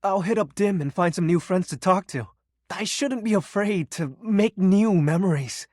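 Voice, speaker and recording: A man voices the personification of darkness in a video game: a shy, sentimental, awkward self-styled shadow lord who speaks hesitantly, broken by bursts of theatrical brooding. His voice is high, expressive and a little mellow at a moderate pace, and his mood is wistful and hopeful. The recording is dry, with clean studio sound.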